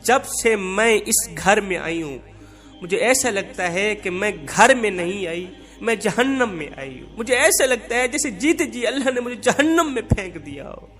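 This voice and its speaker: Preacher voicing a weeping wife, pleading, sorrowful, high voice, soft music under. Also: male voice, expressive. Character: tearful, humiliated wife pleading her case.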